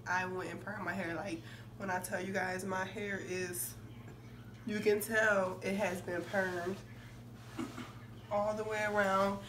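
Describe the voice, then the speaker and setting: This young adult beauty vlogger speaks to camera in a mid-range voice, chatting casually yet emphatically, though a cold has left her somewhat hoarse and congested and she clears her throat. The phone recording her sits a few feet off in a curtained room, so the mic sounds distant and the room noisy.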